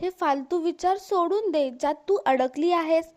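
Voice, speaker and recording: A firm, lecturing elder brother from a storybook, voiced by a woman. He tells his younger sister off in a steady, stern manner, in her very high voice. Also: normal speed.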